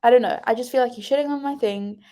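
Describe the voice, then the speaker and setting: A woman co-hosting a casual podcast chat, chatty and animated, laughing often. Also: on the high side, quick pace. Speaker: podcast co-host.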